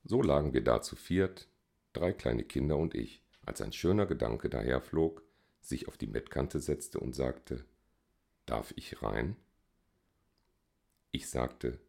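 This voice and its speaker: A man's voice: very deep voice, lively intonation, a little slow, creaky, darkish tone. A man narrating a humorous story as an audiobook, in a dry, wry storytelling manner.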